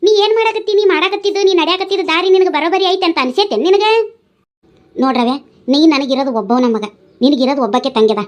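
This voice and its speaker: A woman's voice: high voice, lively intonation, fast talker. A woman voicing an older widowed village mother who scolds and pleads with her drinking son, in a North Karnataka Kannada accent. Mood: scolding. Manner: nagging, pleading, tearful.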